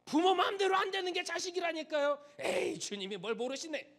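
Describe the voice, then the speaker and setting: A man acting out a whiny, know-it-all parent in a sermon, voice shooting up high and loud in exasperation. He scolds with big swoops of pitch, as if explaining something obvious. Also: very animated, a little fast, heavily acted. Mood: exasperated.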